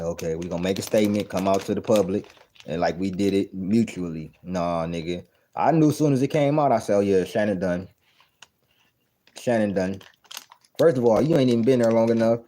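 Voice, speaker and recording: Reacting casually to a clip, this thirtysomething video host speaks in a low, mellow voice that is blunt, profane, and disbelieving, circling back over the same points. A little hiss or hum is audible.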